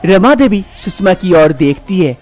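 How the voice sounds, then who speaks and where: A man narrating a scripted drama story in a plain, even storytelling manner. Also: high voice, unhurried.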